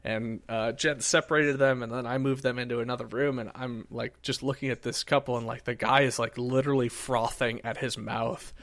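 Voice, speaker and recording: A podcast host in his thirties from Iowa tells a rambling story with lots of fillers and acted-out quotes. His voice sits at an ordinary mid pitch. The sound is dry and close, with no room around it. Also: fairly even intonation, brisk, few pauses, a bit bright, dry recording. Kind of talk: casual chat, telling a story.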